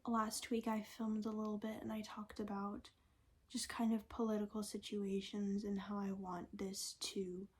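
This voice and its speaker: Soft-spoken young woman vlogging. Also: medium pitch. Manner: soft-spoken, often breathy half-whisper, thinking aloud. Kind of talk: casual reflective vlog talk.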